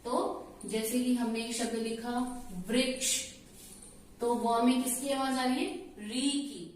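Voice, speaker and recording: Woman teacher explaining slow and patient, kinda high voice, mic far off in a really echoey room. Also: level tone, slight background noise. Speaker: school teacher. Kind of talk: classroom lesson.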